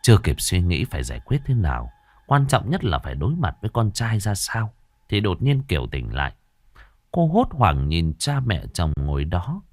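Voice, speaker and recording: Very expressive male ghost-story narrator. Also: low-pitched, moderate pace, dry recording.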